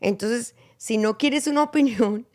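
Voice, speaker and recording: A woman hosting a faith-based conversation, telling stories in an animated way and acting out the dialogue she quotes. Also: a little high, a little slow. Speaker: podcast host.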